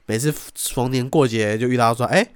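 A man's voice: medium pitch, fairly even intonation, normal speed, smooth, dry recording, studio quality. A young man with a Taiwanese Mandarin accent hosting a podcast, telling stories casually, swearing freely and acting out quotes. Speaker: podcast host. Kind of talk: casual storytelling.

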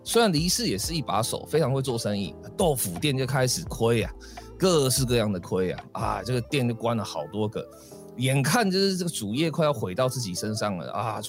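Man, podcast host, casual storytelling, animated, faint music behind. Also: mid-range voice. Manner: lively storyteller, acts out voices, many fillers. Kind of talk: casual ghost-story telling.

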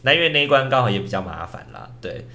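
A man's voice: mid-range voice, very animated, fast, pushed and bright. A man, casually telling a ghost story on a podcast at night, rambling with lots of fillers and restarts. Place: indoor recording at night.

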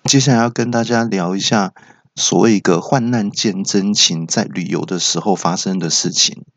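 Taiwanese guy doing a jokey podcast bit, lowish voice, dry dull mic. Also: moderate pace, no echo. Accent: Taiwanese Mandarin. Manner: jokey, acts out dialogue with raised voice. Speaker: podcast host. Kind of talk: stand-up style storytelling.

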